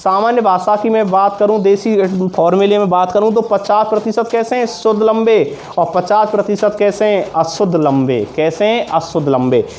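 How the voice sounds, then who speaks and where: High-voiced man teaching, repeats every answer. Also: steady tone, normal speed, hardly any pauses, darkish tone, slight background noise. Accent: Hindi-speaking north Indian. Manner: asks a question, then answers it himself with repetition. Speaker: science teacher. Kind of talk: classroom lesson with call-and-response questions.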